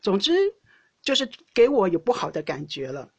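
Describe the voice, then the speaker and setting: This podcast host is a woman from Taiwan, speaking with a Taiwanese Mandarin accent in a relaxed monologue about something that happened to her. Her lowish voice is creaky and husky, very animated, at a normal speed, with no room sound. Chatty throughout, she keeps breaking off and starting her sentences over with little laughs.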